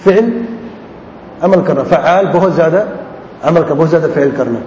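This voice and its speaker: Man teaching, echoey lo-fi hall. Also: a little mellow. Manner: explains patiently, repeats word patterns, asks and answers his own questions. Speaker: Arabic grammar teacher. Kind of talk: classroom lesson. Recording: echoey hall, dull lo-fi sound, faint rumble.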